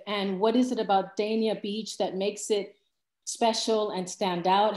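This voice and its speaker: A woman from Cuba, raised in Miami, asking a guest speaker a question on a video call, hesitant with many pauses. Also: medium pitch, darkish tone. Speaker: student, lecture attendee. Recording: roomy video call audio.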